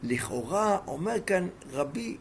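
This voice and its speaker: Male rabbi, Torah class; emphatic storyteller, gravelly tone, faint hiss in the background. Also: high voice, very animated. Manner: emphatic, fires rhetorical questions at listeners.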